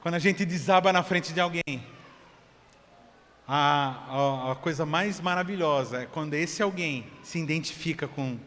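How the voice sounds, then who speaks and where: A man's voice: on the high side, measured pace, fairly bright tone, long reverb tail, a little hiss or hum. A male pastor preaching a sermon in a casual, conversational way, acting out the voices of church members.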